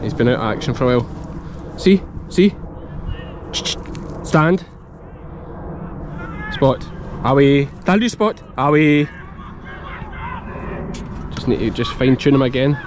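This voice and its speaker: A Scotsman in his thirties with a broad accent, who farms sheep, chats casually to his child and sheepdog in an open farm field for a vlog. His mid-range, darkish voice has lively intonation, runs a little slow and pauses often. Outdoor field noise is picked up by the action camera held at arm's length.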